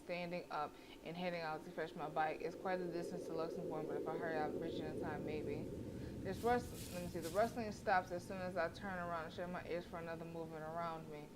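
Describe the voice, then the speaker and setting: A woman with a lowish voice livestreams a horror visual novel, reading the game text aloud quickly and in a steady tone. She's casual, stumbling over words and correcting herself as she goes. Her livestream microphone is noisy.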